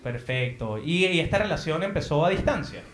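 A man's voice: fairly high pitch, expressive, fairly quick, reverberant, a little hiss or hum. A man with a Venezuelan accent doing playful, teasing crowd work on a theater stage. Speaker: stand-up comedian. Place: theater in Madrid.

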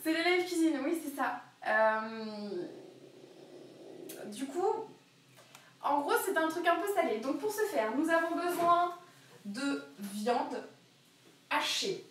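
High-voiced giggly young woman in an echoey kitchen. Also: lively intonation, takes it slowly, pauses often, a bit bright, a little hiss or hum. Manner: chatty, giggly, rambling with many asides. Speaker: streamer cooking live. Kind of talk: casual live-stream chat while cooking. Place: home kitchen. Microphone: camera on a wobbly tripod across the kitchen. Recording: very echoey kitchen, voice far from the mic.

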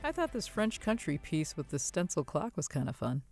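In this casual voice-over for a shopping vlog on antiques and home decor, a woman speaks at a normal pace in a low, very animated voice. She sounds enthusiastic and gushing, and soft guitar music plays in the background.

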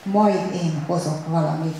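A woman's voice: deep voice, steady tone, mellow, slight background noise. A woman reading a story aloud, voicing a cheerful, self-assured male waiter who speaks with breezy confidence, in a very echoey room. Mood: breezy confident. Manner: breezy, confident, cool politeness. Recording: very echoey room, faint ambience.

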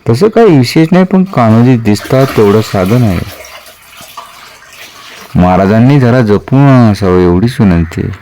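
A man's voice: medium pitch, lively intonation, a little slow, pauses often, dark tone, a little hiss or hum. A man reading a story aloud and voicing a sly, scheming traitor nobleman who speaks insinuatingly. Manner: insinuating, wheedling. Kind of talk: dramatic storytelling.

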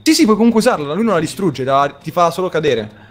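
A young man playing a game with a friend, chatting in a rapid, frantic way and giggling often. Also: on the high side, animated, echoey room. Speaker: co-player. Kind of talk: casual gameplay chat.

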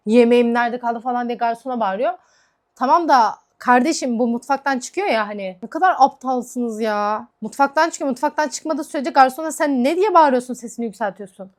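A woman vlogger chatting casually while doing her makeup, ranting in a heated, frank way. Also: a little high. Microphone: camera mic.

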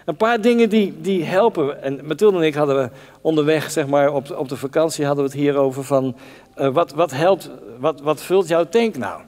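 A man's voice: a little high, moderate pace, a little mellow. A man preaching a conversational sermon, talking directly to the congregation and acting out the Bible voices. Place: church hall. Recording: long church reverb.

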